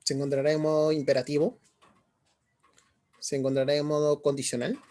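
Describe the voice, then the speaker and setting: A man's voice: fairly high pitch, flat delivery, brisk, warm tone. A middle-aged male teacher giving an online class, often asking students questions and checking in as he explains. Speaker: language teacher.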